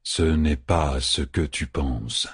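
Guy doing a gruff tavern keeper, slow and low, husky, dry sound. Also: no room sound, heavily acted. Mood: grim. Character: gruff slow-spoken middle-aged male tavern keeper.

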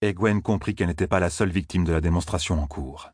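Deep husky male narrator. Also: fast, no room sound, studio quality. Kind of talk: audiobook narration.

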